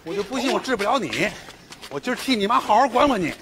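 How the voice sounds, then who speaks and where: A man's voice: medium pitch, big pitch swings, a little hiss or hum. An actor playing a stern, hot-tempered uncle who scolds a boy in a TV family drama. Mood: angry. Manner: scolding, loud and fast. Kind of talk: TV period family drama acting.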